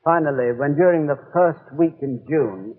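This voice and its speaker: An actor playing a genial, rambling older English doctor, telling stories in 1930s radio style. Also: male voice, on the high side, moderate pace, long reverb tail, close to an everyday voice. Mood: genial, reminiscing. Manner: avuncular, rambling, loses his thread. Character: genial, chatty old English doctor reminiscing about detective adventures. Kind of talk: 1930s radio storytelling and sponsor patter. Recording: tinny, hollow 1930s radio recording.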